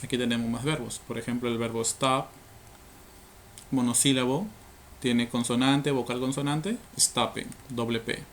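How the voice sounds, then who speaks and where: A man's voice: mid-range voice, fairly even intonation, normal speed, a little hiss or hum. A man teaching English grammar to learners, explaining rules patiently step by step, with frequent fillers and tag questions.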